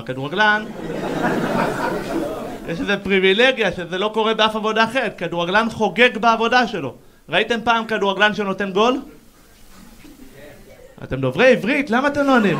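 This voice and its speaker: A man doing a brash stand-up routine, teasing the audience on a comedy club stage. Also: sits high. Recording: loud crowd and noise, live set.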